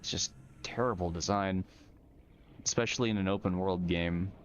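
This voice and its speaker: Low-voiced man chatting through gameplay, background noise. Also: fairly even intonation, normal speed, dull audio. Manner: chatty, colloquial, explains as he plays. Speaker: gamer hosting a modded survival game stream. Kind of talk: casual gameplay commentary.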